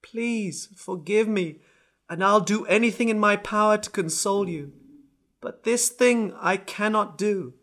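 A remorseful king from an old tale pleads in anguish, played by a man. His voice is bright and raised, and the words come slowly and heavily. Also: sits high. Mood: pleading. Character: grief-stricken remorseful ancient king, man. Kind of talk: storybook reading.

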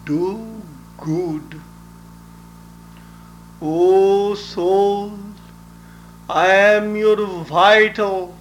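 A man with a high voice recites a devotional message at an extremely slow, drawn-out pace. He sounds like a spiritual teacher, solemn and deliberate, with every word carefully placed. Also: fairly even intonation, a little hiss or hum.

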